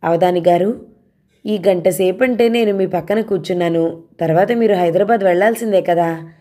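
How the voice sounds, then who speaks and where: A blunt young woman at the office, asking probing, teasing questions in a lowish, mellow tone, as a woman reader puts her on. She speaks plainly and without hesitation. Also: moderate pace, lightly acted.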